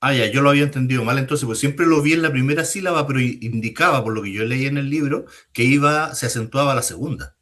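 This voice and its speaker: A man's voice: medium pitch, fast, hardly any pauses, fairly bright tone. A man asking his teacher questions in class, polite and a little hesitant. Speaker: student.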